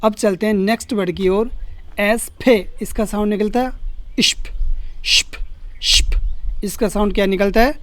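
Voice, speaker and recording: A man's voice: sits high, fairly even intonation, brisk, a little mellow, no echo. A man teaching German pronunciation, saying each example word twice. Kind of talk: pronunciation lesson.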